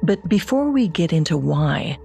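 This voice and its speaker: A woman co-hosting a podcast, reading scripted true-crime narration with measured storytelling delivery. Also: low-pitched, very animated, vocal fry, dark tone, faint music behind. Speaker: podcast co-host.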